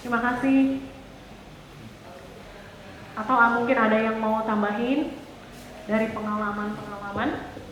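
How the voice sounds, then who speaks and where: A woman's voice: on the high side, fairly even intonation, measured pace, pauses often, a bit bright, slight background noise. A woman psychologist giving a parenting seminar in a conversational way, often asking the audience questions. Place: church hall. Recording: echoey hall.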